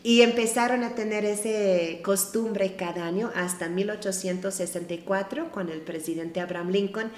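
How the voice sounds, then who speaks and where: A woman's voice: medium pitch, moderate pace, few pauses, roomy sound, slight background noise. Chatty missionary woman from Michigan. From Michigan, United States. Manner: chatty, tags sentences with a questioning "no?". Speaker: missionary guest. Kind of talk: conversational storytelling.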